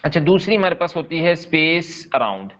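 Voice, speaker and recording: A man's voice: on the high side, big pitch swings, a little fast, fairly bright tone, lo-fi sound. A man leading a live online coding class, explaining step by step in a patient, repetitive way and checking in often with his students. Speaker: coding instructor.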